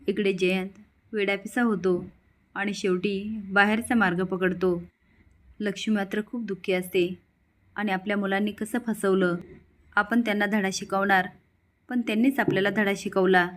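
A woman's voice: medium pitch, steady tone, moderate pace, pauses often. Woman retelling a story plainly. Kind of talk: narrating a serial recap.

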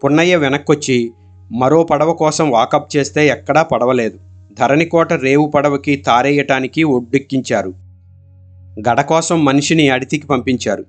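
A man narrating a storybook audiobook in a steady, expressive storytelling manner. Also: medium pitch, moderate pace, soft background music.

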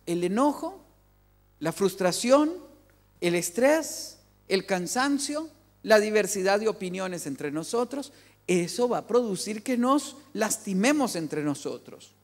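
A man giving an emphatic family sermon in a large church hall, repeating key phrases for weight. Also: high voice. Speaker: family speaker.

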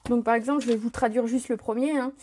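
A woman demonstrating a paper craft technique in a live tutorial, chatty and relaxed, often correcting herself and laughing at her slips. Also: fairly high pitch, quick pace, slight background noise.

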